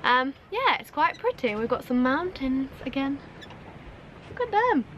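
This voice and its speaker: A young woman with a fairly high voice, talking chattily and teasingly into a handheld camera on a sailboat deck. The sound is outdoors, with steady wind and boat noise clearly behind her. She jumps quickly between remarks and little exclamations. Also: dull audio. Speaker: sailing vlogger. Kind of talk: casual vlog chat. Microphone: handheld camera at arm's length.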